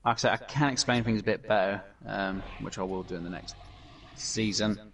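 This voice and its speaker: Low-voiced man, rambling game talk. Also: fairly even intonation, fairly quick, a bit bright, far from the mic, slight background noise. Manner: rambling, with many fillers and restarts. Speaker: gaming channel host. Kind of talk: casual gameplay commentary.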